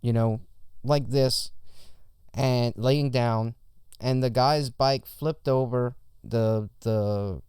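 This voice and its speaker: A man's voice: mid-range voice, steady tone, extremely slow, a little mellow, clear, resonant tone, dry recording, clean studio sound. A man missing his front teeth, chatting casually on a podcast in an emphatic way, with heavy swearing. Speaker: podcast co-host or guest.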